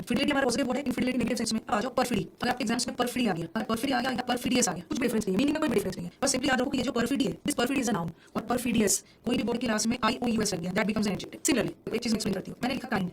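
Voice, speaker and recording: Fast-talking woman teaching vocabulary. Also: a little high, breathy edge. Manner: explains patiently, repeats key words, mixes Hindi and English. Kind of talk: online exam-prep lesson.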